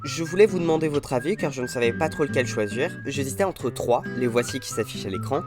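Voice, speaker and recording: A man's voice: medium pitch, lively intonation, fast talker. A young man narrating his own gameplay in an upbeat, self-mocking voice-over. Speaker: gaming YouTuber. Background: game music.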